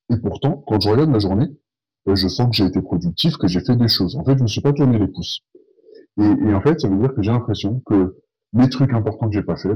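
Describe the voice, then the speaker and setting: A man's voice: lowish voice, a little mellow, lo-fi sound. A man talking through a voice changer, hosting his own podcast in a casual, hesitant way with many fillers. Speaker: podcast host. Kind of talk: casual solo podcast talk.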